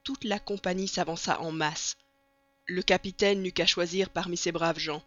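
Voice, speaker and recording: An audiobook narrator reading a classic novel in an even, steady storytelling manner. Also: mid-range voice, normal speed, dry recording. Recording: dull lo-fi recording.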